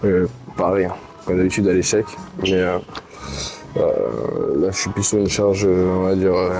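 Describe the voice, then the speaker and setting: A deep, low-pitched man with a Swiss French accent talks through his back workout in a gym, stopping often on fillers. He sounds tired and a little flat. Loud music plays behind him throughout. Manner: hesitant, many fillers, explaining casually. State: low on energy, tired late at night. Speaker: gym vlogger. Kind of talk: casual workout vlog talk.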